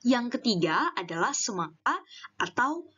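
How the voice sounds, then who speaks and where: A woman's voice: a little high, sing-song, unhurried, fairly bright tone, slightly rough, highs cut off. A woman teaching a Mandarin lesson online, patiently explaining and repeating words for learners to say after her.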